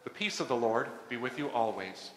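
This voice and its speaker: A man serving as pastor, leading a congregation in solemn liturgical prayer and the communion words with a measured cadence, his voice ringing with cathedral-like echo in a large church. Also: medium pitch, expressive, a little hiss or hum. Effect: cathedral-like echo from a large church hall. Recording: echoey church hall with long reverb.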